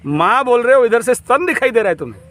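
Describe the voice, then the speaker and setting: A man's voice: very high-pitched, very animated, fast talker, a bit bright, exaggerated voice. A man voicing a fierce, blunt female goddess who scolds rudely in a storytelling discourse. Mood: indignant. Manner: brusque, rude scolding.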